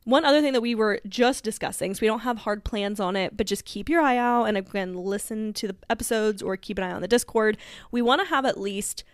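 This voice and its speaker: A woman's voice: mid-range voice, fairly quick, no room sound, studio quality. A woman co-hosting a podcast in casual chat, talking with lots of fillers and laughs. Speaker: podcast co-host.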